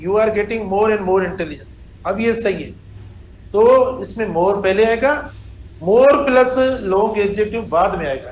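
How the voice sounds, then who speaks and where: A man's voice: high-pitched, roomy sound, slight background noise, poor audio. A man teaching English grammar in a classroom lecture, drawing out example sentences word by word and calling students "beta". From Pakistan.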